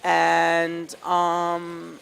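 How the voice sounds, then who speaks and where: A man's voice: on the high side, monotone, extremely slow, creaky, a bit bright, clear, resonant tone. A man from Israel giving interview answers, eager and stumbling over repeated restarts.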